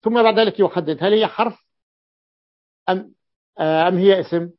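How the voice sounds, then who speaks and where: A man teaching a grammar class, going over each point slowly and repeating it until it sticks. His voice sits somewhat high. The recording is dry and a little muffled. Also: dry recording. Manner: explains step by step, repeats key points. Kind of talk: grammar lesson explanation.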